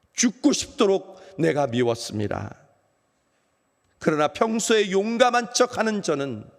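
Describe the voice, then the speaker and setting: A pastor performs a first-person dramatic monologue as the apostle Peter, portraying a remorseful, ashamed grown man. He swings between loud outbursts and hushed, low phrases. The church sanctuary gives the recording a long, hall-like reverb.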